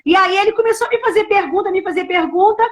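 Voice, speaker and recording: A middle-aged woman pastor hosts an online show and talks through a personal testimony with deep feeling. Her voice sits very high, and it swells toward near-shouting when she is most moved. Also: quick pace. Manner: heartfelt, at times rising to near-shouting. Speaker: pastor hosting a live show. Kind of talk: emotional personal testimony in casual chat.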